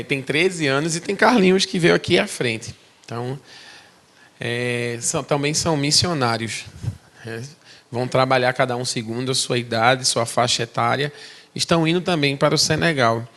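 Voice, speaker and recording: A man's voice: mid-range voice, moderate pace, fairly bright tone. A man in his forties from Recife with a Pernambuco accent, giving a chatty testimony in church as a missionary and talking straight to the congregation. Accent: Pernambuco Brazilian Portuguese. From Recife, Brazil. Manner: conversational, chatty asides to the congregation.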